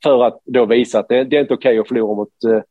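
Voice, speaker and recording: A man from Sweden, a former hockey player, telling an animated anecdote with many restarts. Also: medium pitch, dry recording, narrow, tinny audio. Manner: animated storyteller, many restarts, quotes others.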